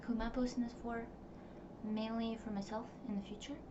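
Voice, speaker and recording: A young Russian-speaking woman records a casual diary vlog to camera, her voice on the high side with little pitch movement and a slightly quick pace. She rambles reflectively, full of fillers. The home recording is distant, dull and noisy.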